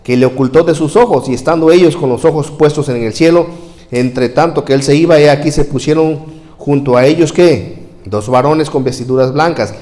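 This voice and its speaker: Preacher acting out scripture. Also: male voice, on the high side, normal speed. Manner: acts out voices in the verses, shouting crowd lines and dropping to near whispers. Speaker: pastor. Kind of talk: sermon reading scripture. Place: church.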